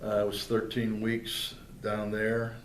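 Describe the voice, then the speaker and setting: A man's voice: fairly low pitch, completely flat delivery, slow pace. An older man from northeastern Pennsylvania, telling his service stories in a plainspoken way with many fillers and restarts, interviewed in a library. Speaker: veteran interviewee. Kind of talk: oral history interview. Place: public library room. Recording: roomy, with faint background noise.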